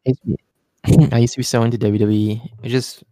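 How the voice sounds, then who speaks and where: A man's voice: mid-range voice, level tone, fairly quick, mellow, no echo. Rambling man hosting a podcast, dry sound. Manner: hedging, rambling, many fillers. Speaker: podcast host. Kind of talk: casual chat.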